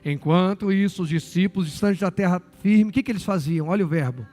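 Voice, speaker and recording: A Brazilian pastor with a notably high voice preaches to his church. He keeps quizzing the congregation and repeating their answers, with joking asides, and faint music plays underneath. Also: brisk, dark tone. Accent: Brazilian Portuguese. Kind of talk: sermon.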